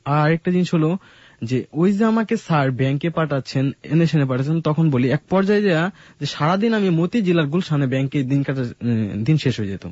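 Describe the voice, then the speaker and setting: A man telling his life story in a casual radio conversation, halting, with many fillers and restarts. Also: fairly high pitch, expressive, darkish tone, husky, dry recording. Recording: dull lo-fi radio studio sound.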